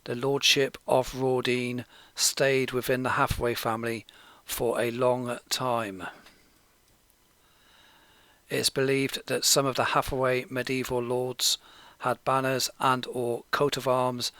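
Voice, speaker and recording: A man from Gloucestershire, England, giving scripted documentary narration in a steady, measured, informative way. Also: mid-range voice, dry recording.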